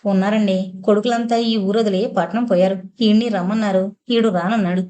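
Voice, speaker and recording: A humble male village servant in a storybook audio novel, talking in a plain countrified way and always deferring to his betters, as a woman narrator reads him. The voice is mellow and warm rather than bright, with an ordinary middle pitch. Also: steady tone, brisk, lightly acted. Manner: deferential rustic dialect speech.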